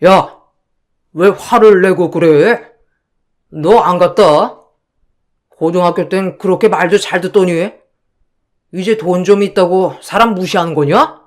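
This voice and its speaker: A man's voice: sits high, moderate pace, natural voice. A man playing a brazen con man friend. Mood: scornful. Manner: wheedling, then abusive and threatening. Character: brazen smooth-talking male con man, old school friend. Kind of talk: storybook audio drama acting.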